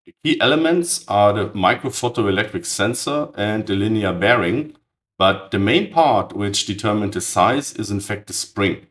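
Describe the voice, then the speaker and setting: A man narrates a technical build in a precise, matter-of-fact way, his voice raspy and hoarse from a cold. He sits somewhat low in pitch and delivers blunt verdicts plainly. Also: expressive, moderate pace, a bit bright. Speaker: channel host.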